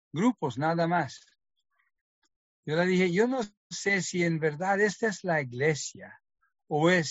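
A middle-aged man recounts his personal testimony, earnest and story-driven, slipping into the voices of others as he quotes them. His voice sits a bit high for a man. The recording is dry and slightly muffled. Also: no room sound. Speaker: testimony speaker.

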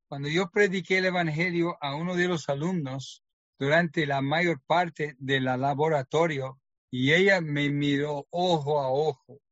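A middle-aged man recounts his personal testimony, earnest and story-driven, slipping into the voices of others as he quotes them. His voice sits a bit high for a man. The recording is dry and slightly muffled. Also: fairly bright tone, dry recording. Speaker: testimony speaker.

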